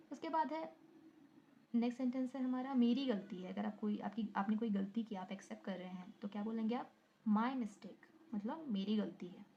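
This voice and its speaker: A woman's voice: medium pitch, dark tone, a little hiss or hum. A woman teaching a beginner lesson. She asks a question about each phrase and then repeats the answer. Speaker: English teacher, channel host. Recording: dull lo-fi recording.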